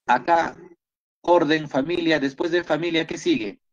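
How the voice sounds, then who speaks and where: A man's voice: a little high, normal speed, lo-fi sound. A man with a Peruvian Spanish accent teaching an online biology class, going over exam questions and praising his students often. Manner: encouraging, repeats praise often.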